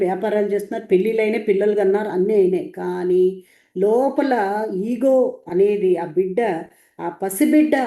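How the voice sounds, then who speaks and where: Dark-voiced woman lecturing in a roomy echo. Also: mid-range voice. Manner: repetitive, emphatic, lecturing. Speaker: translator of spiritual teachings. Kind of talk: spiritual teaching talk, translating into Telugu.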